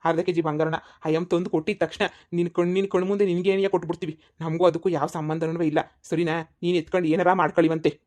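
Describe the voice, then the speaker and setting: A man's voice: on the high side, flat delivery, fast talker, darkish tone, close to an everyday voice. A man voicing an exasperated village husband. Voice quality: scolding, exasperated. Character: irritated village brother and husband, grumbling. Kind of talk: cartoon comedy voice acting.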